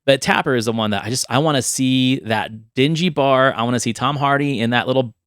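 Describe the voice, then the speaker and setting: A middle-aged man runs a laid-back film and games podcast, spinning stories eagerly. His mid-range voice is brisk, smooth and fairly bright, recorded in a studio with no echo.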